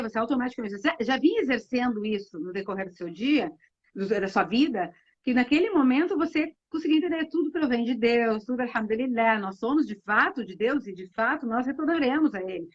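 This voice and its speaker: A woman co-hosting a live religious talk, speaking reflectively with many fillers and restarts. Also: fairly high pitch. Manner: reflective, many fillers and restarts, retells hadith with acted quotes. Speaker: co-host of Islamic live talk. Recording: muffled live-stream audio.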